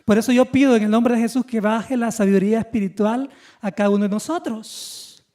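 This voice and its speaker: A male pastor preaching a Sunday sermon in a lively teaching manner, putting questions to the congregation. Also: sits high, a little fast.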